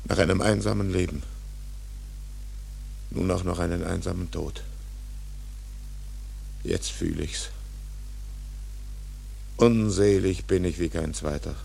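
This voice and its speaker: Radio drama: vengeful old whaling captain, husky and gravelly, forceful solemn declamation, proud and doomed. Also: male voice, deep voice, fairly even intonation, slow, pauses often, faint music behind, heavily acted, low-quality recording. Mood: bitter, brooding. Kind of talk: German radio play acting.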